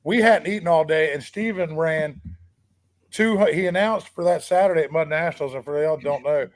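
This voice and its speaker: A man, a podcast guest telling profane, animated road-trip stories full of acted-out dialogue. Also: on the high side, normal speed. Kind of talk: casual storytelling.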